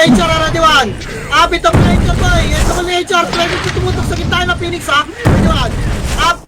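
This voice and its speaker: High-voiced man barking game callouts. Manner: rapid repeated commands, frequent cursing. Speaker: guild shot caller. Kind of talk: live game voice chat callouts.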